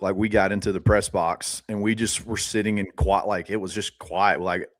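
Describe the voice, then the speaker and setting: A low-pitched man, chatting casually as a sports podcast co-host. He tells stories with animation and laughs often, and his voice sits dry and close to the mic. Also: dry recording. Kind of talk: casual chat.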